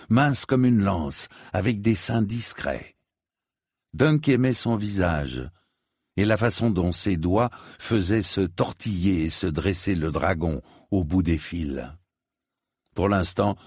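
Male audiobook narrator, deep and slow, husky grain, dry close sound. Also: darkish tone, no echo. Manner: slow, measured reading.

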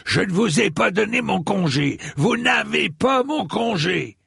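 A man reading a story and voicing a proud, indignant old knight with high, shrill outbursts. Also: slow pace, creaky, slightly rough, no room sound, clean studio sound, exaggerated voice. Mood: outraged.

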